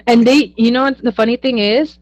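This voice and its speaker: A woman's voice: fairly high pitch, no room sound, rough recording. A young woman, a psychic medium guest, telling stories in a casual interview and acting out the quoted dialogue. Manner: animated, acts out quoted dialogue, laughs often.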